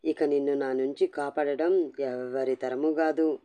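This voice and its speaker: A woman's voice: low voice, steady tone, measured pace, warm tone, voice pushed down. A woman voicing a cruel, scheming older woman who gloats menacingly. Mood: gloating.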